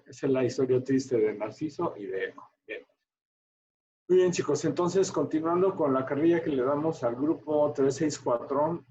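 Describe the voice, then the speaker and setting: Animated doctor teaching class. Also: male voice, fairly high pitch, muffled recording. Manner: chatty, animated, quizzing students. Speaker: medical teacher. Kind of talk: online class storytelling.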